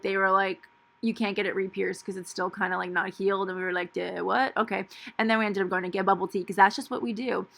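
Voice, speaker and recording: A woman's voice: mid-range voice, fairly bright tone. A young woman, a dental hygiene student, chatting casually over her planner with lots of "like" and "um". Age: young adult. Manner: chatty, filler-heavy with lots of "like". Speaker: planner vlogger.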